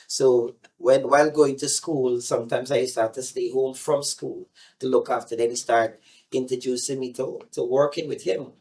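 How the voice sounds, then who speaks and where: A middle-aged Guyanese man recounts his past in a loose, easygoing ramble, circling back with little fillers as he goes. His voice sits at an ordinary, middle pitch for a man. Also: normal speed. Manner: relaxed, rambling, with frequent fillers and restarts. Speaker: singer being interviewed. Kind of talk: casual interview storytelling.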